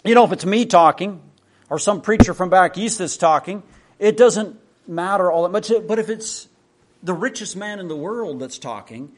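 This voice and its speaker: A man's voice: high-pitched, lively intonation, moderate pace, noisy background. A man preaching a sermon, telling stories in a conversational way with frequent restarts.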